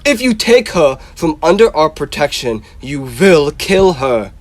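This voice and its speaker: A man's voice: a little high, very animated, measured pace. A young man in a radio drama playing a grave, insistent professor who hunts vampires, speaking in an emphatic, solemn, theatrical way. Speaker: actor in a school radio drama.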